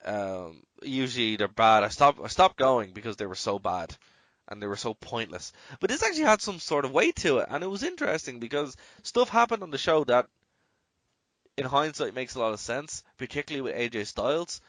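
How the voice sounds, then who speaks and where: Rambling Irish podcast host, dry sound. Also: male voice, medium pitch, very animated, fairly quick, a bit bright, no room sound. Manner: rambling, leans heavily on "you know". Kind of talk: casual podcast chat.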